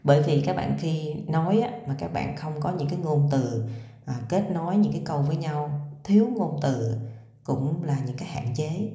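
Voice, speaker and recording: Woman, voice coach, low mellow voice, chatty, direct address, echoey room. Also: normal speed. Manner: chatty, addresses listeners directly, frequent hesitation fillers. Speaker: voice coach and podcaster. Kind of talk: casual advice talk to viewers.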